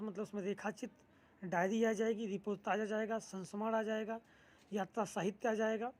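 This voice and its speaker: Mellow-voiced woman explaining a syllabus. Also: mid-range voice. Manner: steady, explanatory, frequent fillers. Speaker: teacher.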